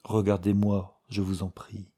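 Heartbroken young guy read by a man, slow, husky, insistent. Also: fairly low pitch, completely flat delivery, mellow. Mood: pleading. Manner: earnest, commanding, pleading.

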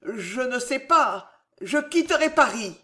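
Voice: mid-range voice, animated, slow, sharp tone, pitched above the performer's own voice. A reader voicing a frightened young nephew who pleads and feigns submission. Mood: pleading.

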